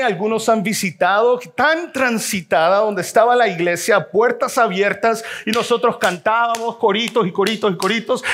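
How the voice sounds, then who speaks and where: High-voiced, slow-preaching male pastor. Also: fairly bright tone. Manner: preaching slowly, addresses the congregation, reads scripture aloud. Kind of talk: sermon.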